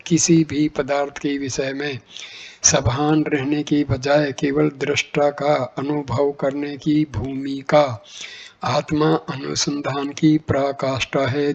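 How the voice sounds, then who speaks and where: A man reading spiritual teachings aloud in a measured, explanatory way. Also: mid-range voice. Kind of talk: slow reading of a spiritual text. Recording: dull lo-fi recording.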